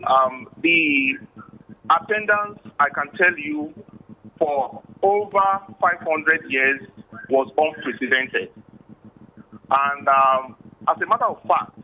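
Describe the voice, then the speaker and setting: A man's voice: high voice, gravelly. A man with a Nigerian accent, a traditional chief, speaking formally in a remote interview over a bad, tinny connection. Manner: formal, measured, explanatory. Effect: bad remote connection, tinny phone-like line. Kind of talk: remote interview, historical explanation. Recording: tinny phone-like call line.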